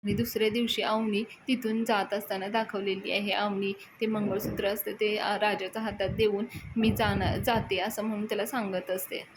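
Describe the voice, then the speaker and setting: A woman retelling a TV serial episode, acting out the characters' lines in quick, changing voices. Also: mid-range voice, flat delivery, background noise. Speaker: serial review host.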